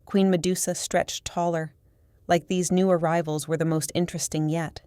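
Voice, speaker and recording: A woman narrating a first-person audiobook in a steady, measured storytelling manner. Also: on the low side, smooth, no echo, studio quality.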